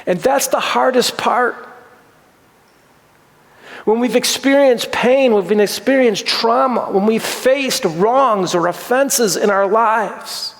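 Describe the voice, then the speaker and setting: A pastor preaching a sermon in a church, speaking earnestly in a repetitive preaching cadence. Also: male voice, very high voice, slow pace. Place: church sanctuary. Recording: long hall reverb.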